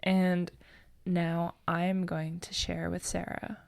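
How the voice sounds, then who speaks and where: A woman's voice: on the low side, level tone, slow pace, vocal fry, no room sound. Earnest young woman telling a spooky story. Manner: earnest, emotional, builds up the story with hushed tones. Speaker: podcast co-host, storyteller. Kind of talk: casual chat and storytelling.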